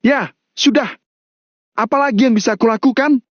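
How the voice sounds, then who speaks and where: A man shouting as an enraged young man. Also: extremely high pitch, moderate pace, dry recording, muffled recording, pitched above the performer's own voice. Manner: shouting, raging. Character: furious young man with a knife.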